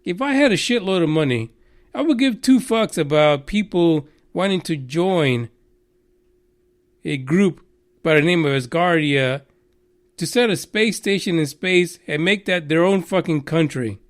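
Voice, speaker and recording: On this radio news show, the Texan host sounds animated and unhurried, his voice on the high side. He rambles and mocks, swearing often and leaning on filler words.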